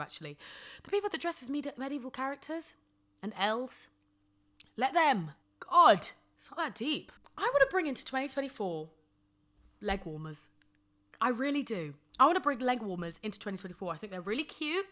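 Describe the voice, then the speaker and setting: She speaks at a medium pitch with big swings up and down, briskly and with a bit of brightness. In her twenties and hosting a podcast by herself, she chats casually through humorous rants, sassy and emphatic, often repeating lines for comic effect.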